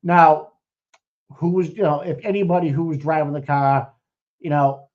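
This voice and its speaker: A fairly high-voiced man talks excitedly, swearing freely and restarting his sentences. The audio is muffled and lo-fi, like a home live stream. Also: moderate pace. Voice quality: profane, excitable, rambling with restarts. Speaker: co-host. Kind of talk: casual chat.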